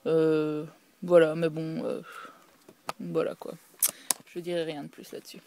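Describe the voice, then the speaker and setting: A woman's voice: low-pitched, flat delivery, measured pace, noisy background. A woman talking casually at home, presenting her collection in a hesitant way full of fillers and restarts. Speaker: video creator showing her game collection.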